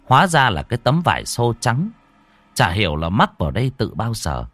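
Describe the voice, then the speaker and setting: A man's voice: mid-range voice, a little fast, dry recording. A man narrating a horror story, acting out every character. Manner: animated, voices all characters.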